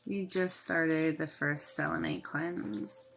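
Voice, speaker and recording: Slow and creaky, a woman's deep voice holds fairly even intonation, with slight background noise plus a desk fountain and quiet music behind her. She hosts a healing livestream from her phone, sniffly with a sinus infection, chatting casually and greeting viewers by name.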